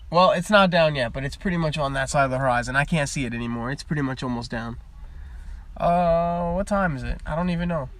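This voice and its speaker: A young man streaming live from his parked car at the beach, chatting casually and wandering from topic to topic, picked up by a phone mic. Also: on the high side. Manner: rambling, chatty, easily sidetracked.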